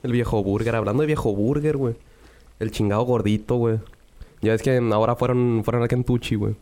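A man's voice: mid-range voice, steady tone, a little fast, warm tone. A young man with a northwestern Mexican accent, co-hosting a podcast, telling stories casually with teasing, slang and swearing. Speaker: podcast co-host.

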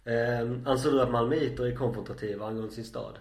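Relaxed man hosting a podcast. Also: medium pitch. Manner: laid-back, asks short questions. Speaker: podcast host. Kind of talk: casual interview chat. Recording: roomy echo.

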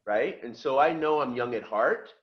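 As a guest on a podcast, this middle-aged man from the Philadelphia outskirts recounts his life in easygoing conversation, vividly performing the voices of those he quotes. He speaks at a normal speed in a mid-range voice, and the recording is muffled.

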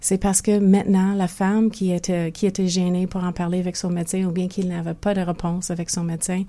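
A woman's voice: on the low side, little pitch movement, fairly quick, mellow. An older woman with a Québécois French accent, a physiotherapist speaking as a guest in a conversational interview, thoughtful and often restarting her sentences. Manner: thoughtful, many restarts and hesitations.

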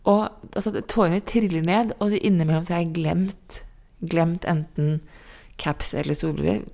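A woman's voice: fairly low pitch, steady tone, gravelly, mellow. A woman co-hosting a podcast, speaking in an earnest, reflective way in casual conversation. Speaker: podcast co-host.

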